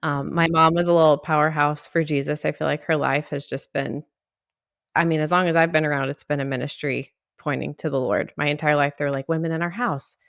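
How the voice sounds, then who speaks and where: A woman's voice: low-pitched, fairly even intonation, fairly quick, creaky, a bit bright, dry recording, studio quality. A woman co-hosting a faith podcast, chatting in a gushing, enthusiastic way. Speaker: podcast co-host. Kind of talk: casual podcast chat.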